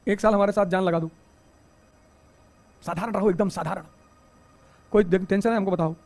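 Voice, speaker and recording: In a high-pitched voice at normal speed, a middle-aged coaching instructor delivers an animated motivational talk sprinkled with rhetorical questions and humorous asides.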